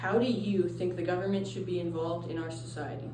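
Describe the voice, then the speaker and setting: A woman's voice: fairly low pitch, steady tone, fairly quick, warm tone, lightly acted. A teenage girl playing an interview show host in a school role-play, reading scripted questions plainly. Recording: roomy, distant mic, noisy.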